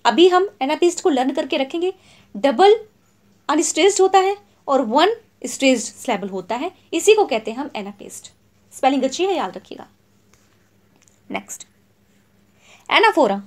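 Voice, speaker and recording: A woman teaches literary terms for an exam in a high voice that swings widely in pitch. She reads each English definition slowly and clearly, then goes over it again in Hindi. She keeps checking in with the class as she goes. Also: animated, a little mellow.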